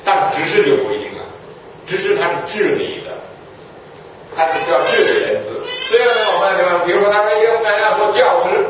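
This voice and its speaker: A man's voice: high voice, brisk, a little hiss or hum. A man preaching a sermon, teaching a church audience and often asking rhetorical questions, then answering them himself. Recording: echoey room from far off, dull lo-fi.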